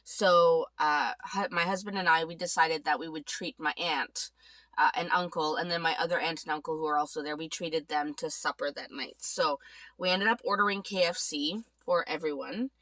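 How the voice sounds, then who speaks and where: A woman's voice: deep voice, fairly even intonation, normal speed, fairly bright tone, dry recording. A congested woman recovering from a cold, chatting casually about her weekly budget as she works through her planner. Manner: chatty, thinking aloud while working. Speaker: vlogger.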